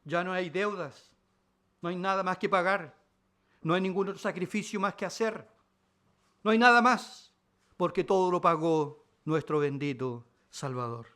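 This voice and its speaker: A man with a Chilean Spanish accent preaching a sermon as pastor, swinging between loud declarations and quiet asides. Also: high-pitched, a little slow.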